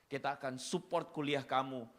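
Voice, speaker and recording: A man doing solemn, low-voiced parents. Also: fairly even intonation, moderate pace, natural voice. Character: calm, resolute middle-aged parents.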